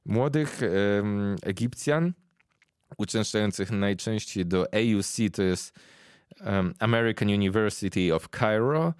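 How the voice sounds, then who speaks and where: Low-voiced young man, dry close sound. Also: clean tone, no room sound. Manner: thoughtful, pauses often to search for words. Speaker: podcast host interviewing a guest. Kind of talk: casual conversational explanation.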